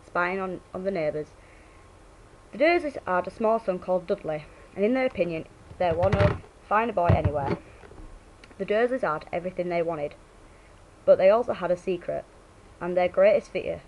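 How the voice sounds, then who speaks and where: In an informal reading of a book meant as a sample of her Yorkshire accent, a woman drops the word "the" and adds casual asides. She has a lowish, slightly mellow voice, and the audio is dull with a little hiss or hum.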